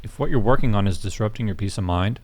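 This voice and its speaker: A man's voice: fairly low pitch, quick pace, a little mellow. A young man co-hosting a casual podcast, giving earnest, plain advice and ending phrases with "man". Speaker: podcast co-host.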